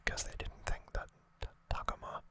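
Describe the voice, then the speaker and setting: Soft and unvoiced, the whisper never rises above a hush as this ASMR creator explains things at an easy, laid-back pace. The tone is that of a friendly recap from the channel's host.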